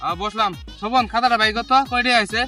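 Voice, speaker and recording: A man's voice: extremely high pitch, fairly even intonation, sharp tone, faint music behind. A man with a rural Bangladeshi Bengali dialect, playing a greedy, blustering village moneylender in a comedy skit. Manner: greedy, blustering, fast-talking.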